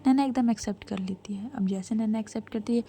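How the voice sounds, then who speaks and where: A young woman tells a story in a loose, chatty way, turning to the listener with asides. Her voice is mellow and dark rather than bright, with a faint hiss of noise underneath. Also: fairly high pitch, fast talker. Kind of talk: casual spoken storytelling.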